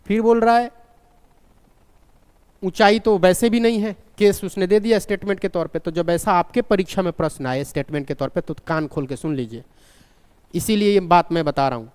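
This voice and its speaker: A man with a high, smooth, resonant voice teaches a physics lesson, constantly asking his class questions and repeating the key point. His voice carries a long reverb, as if he is recording in a large room. He slips terms into his sentences. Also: normal speed, darkish tone. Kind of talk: live online physics class.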